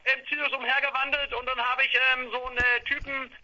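A man's voice: extremely high pitch, flat delivery, fast talker, pushed and bright, dull audio. A man in his late twenties, a band member telling stories in a rambling way with many fillers. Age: 20s. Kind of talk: casual interview.

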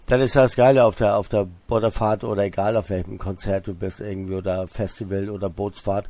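A man's voice: lowish voice, fairly even intonation, fast, warm tone, muffled recording. A man hosting a casual radio interview, often repeating words as he searches for his point.

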